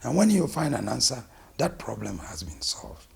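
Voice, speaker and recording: A middle-aged man from Ghana with a Ghanaian accent, a naturopathic physician introducing himself and his work in a deliberate, emphatic way. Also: medium pitch, wildly swooping pitch, gravelly, darkish tone. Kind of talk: self-introduction interview.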